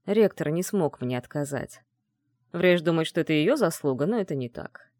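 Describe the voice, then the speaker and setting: A man voicing an arrogant male mage mentor who taunts in a calm, low, mocking tone, in an audiobook. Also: moderate pace, no echo, clean studio sound, lightly acted. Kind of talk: audiobook dialogue reading.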